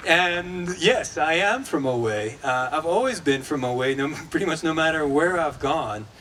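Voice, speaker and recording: A man's voice: fairly high pitch, expressive, normal speed, fairly bright tone, a little hiss or hum. A man from Guatemala, executive director of an advocacy group, giving a casual, conversational keynote at a conference. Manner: casual, conversational speaker with fillers and restarts. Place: conference stage.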